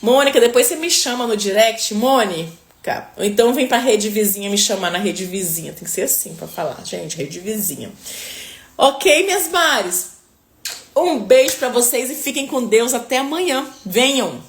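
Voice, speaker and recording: Her fairly high, expressive voice moves at a normal speed as this nutritionist answers live-stream viewers in a chatty way, sprinkling in blessings and frequent "tá?" and "né?" tags. The sound has the echo of a roomy space.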